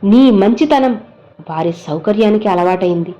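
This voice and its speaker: A woman's voice: mid-range voice, lively intonation, normal speed, warm tone, dull audio, natural voice. A woman voicing a tender fatherly saint. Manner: tender, pleading, coaxing questions. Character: gentle fatherly male saint consoling a devotee. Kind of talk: devotional message spoken as the saint.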